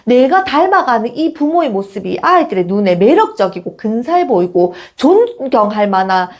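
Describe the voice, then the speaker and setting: A woman's voice: a little high, very animated, normal speed. A middle-aged woman giving a casual parenting lecture, posing rhetorical questions and acting out children's lines. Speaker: parenting educator.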